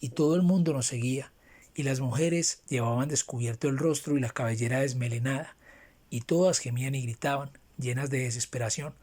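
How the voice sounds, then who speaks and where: A man's voice: mid-range voice, a little fast, darkish tone. Man narrating an audiobook tale.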